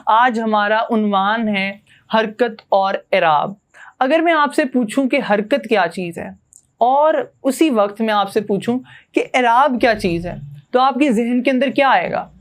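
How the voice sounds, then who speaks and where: A young man from Pakistan, a university student, giving a classroom grammar lesson and patiently explaining with rhetorical questions. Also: very high voice. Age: young adult. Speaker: student teacher.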